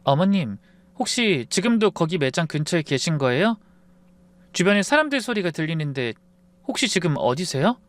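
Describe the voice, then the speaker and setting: Brief: a man playing a kind young daughter-in-law, soft and concerned, raised pitch. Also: very animated, a little fast, hardly any pauses, dry recording. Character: gentle, caring young married woman, a daughter-in-law.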